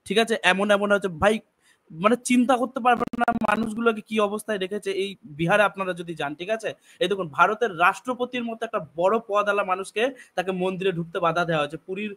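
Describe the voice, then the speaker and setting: A man's voice: sits high, fairly even intonation, fast talker, fairly bright tone. A man speaking as a guest in a heated live debate, urgent and emotional.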